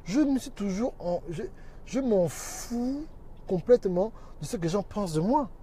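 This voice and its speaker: A man's voice: high-pitched, lively intonation, moderate pace, mellow, a little hiss or hum. A man talking on a casual livestream, preaching emphatically and greeting viewers by name as he goes. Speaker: minister and social media teacher.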